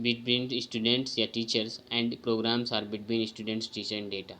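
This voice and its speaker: Man, exam-prep teacher, bright voice, mid pitch, slow English read-outs, frequent check-ins.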